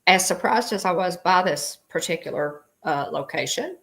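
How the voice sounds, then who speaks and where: A woman's voice: on the low side, expressive, moderate pace, a bit bright. A woman hosting a casual livestream chat, reading viewer comments and talking with lots of fillers and restarts. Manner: chatty, many fillers and restarts.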